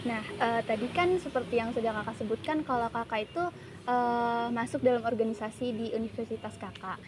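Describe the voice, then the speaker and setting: A woman working as a student interviewer, asking questions hesitantly with many pauses and fillers. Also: fairly high pitch, fairly even intonation, noisy background.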